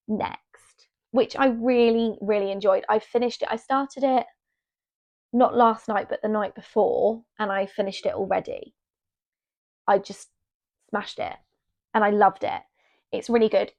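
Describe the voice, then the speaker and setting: A woman's voice: fairly high pitch, vocal fry. A young woman chatting casually to her camera as a vlogger, rambling and restarting her sentences. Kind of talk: casual chat. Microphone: small mic on her.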